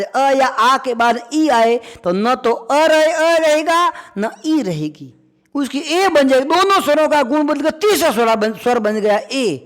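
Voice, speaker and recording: A male teacher giving a classroom grammar lesson, repeating key points and firing quick questions at his students. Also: very high-pitched, fairly bright tone, big-room sound.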